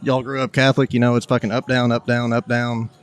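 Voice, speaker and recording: A man from Arkansas, a podcast guest telling stories quickly and profanely. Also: medium pitch, level tone, clean tone. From Arkansas, USA. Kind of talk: casual chat.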